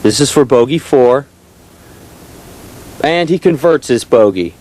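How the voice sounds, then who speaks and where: A man giving golf-style play-by-play commentary, describing each shot in a measured, descriptive way. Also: medium pitch, expressive, a little mellow. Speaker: disc golf tournament commentator.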